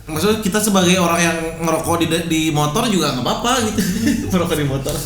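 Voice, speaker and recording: Young male co-host, Sundanese accent, lightly high pitch, loose slangy chat in an echoing room. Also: fast talker, fairly bright tone. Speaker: podcast co-host. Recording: roomy echo, faint background noise.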